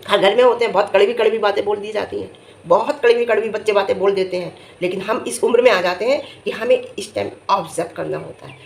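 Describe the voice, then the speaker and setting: A middle-aged woman giving casual vlog commentary, emphatic and scolding, her voice jumping high when she gets indignant. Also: fast talker, creaky, a little mellow, a little hiss or hum. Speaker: vlogger reviewing family vlogs. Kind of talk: casual talking-head commentary.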